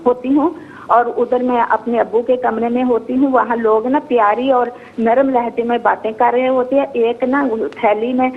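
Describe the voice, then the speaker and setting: A woman's voice: a little high, steady tone. A woman from Pakistan calling in by phone, rambling through her dream and often correcting herself. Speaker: caller. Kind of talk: telling a dream over the phone. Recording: muffled phone call.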